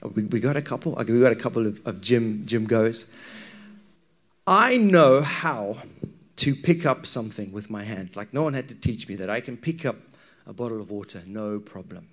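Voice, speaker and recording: This sermon comes from a Zimbabwean-accented man who engages the congregation with questions and anecdotes in a chatty manner. He has a lowish, expressive voice at normal speed.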